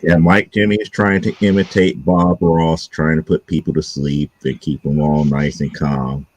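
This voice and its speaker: A man with a very deep voice who jokes and ribs his friends in casual stream chat. His voice sits well below the others and stays relaxed. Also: normal speed, no echo, low-quality recording. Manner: joking, ribbing his friends. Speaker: stream guest.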